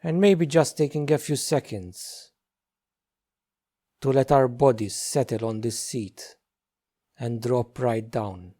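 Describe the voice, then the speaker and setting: A man with a mid-range voice guides a meditation as a teacher. He speaks gently, in short, unhurried phrases broken by many pauses.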